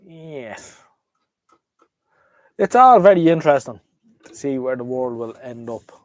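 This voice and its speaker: A man's voice: mid-range voice, very animated, a little fast, dry recording, low-quality recording. Rambling Irish man in a dry room. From Ireland. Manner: hesitant, trailing off and jumping between thoughts. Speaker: livestream host chatting with viewers about vintage radios. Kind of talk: casual, rambling live chat.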